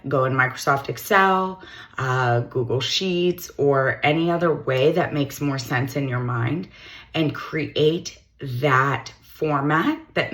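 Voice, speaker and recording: A low, slightly hoarse yet somewhat bright voice belongs to a middle-aged female recruiter. She speaks directly to the camera, giving no-nonsense, practical tips on finding a job.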